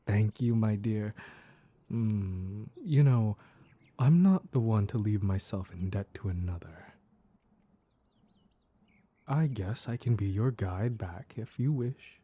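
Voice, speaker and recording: A man voicing a mischievous, flirtatious mad cat in an intimate roleplay audio, teasing with coy pet names in a soft, husky purr. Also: fairly low pitch, lively intonation, slow pace, long pauses, full character voice. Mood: sheepish, gentle.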